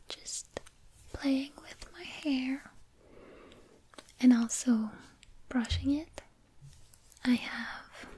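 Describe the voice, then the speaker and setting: A young woman whispering softly and slowly, talking close and intimate in an ASMR video. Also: high-pitched, a little hiss or hum, poor audio. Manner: slow, soft, intimate whispering. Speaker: ASMR creator.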